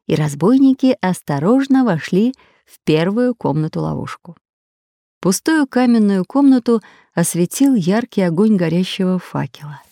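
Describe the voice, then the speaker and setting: A woman narrating a children's fairy-tale audiobook in a lively, dramatic way. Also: fairly low pitch, no room sound, studio quality. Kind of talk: scripted storybook narration.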